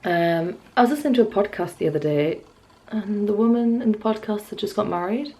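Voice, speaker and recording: This woman's voice is mid-range, brisk and mellow. She's a vlogger in her 20s from the Newcastle area, north-east England, musing wryly and a bit hesitantly in loose, rambling chat to camera from a small furnished bedroom at home.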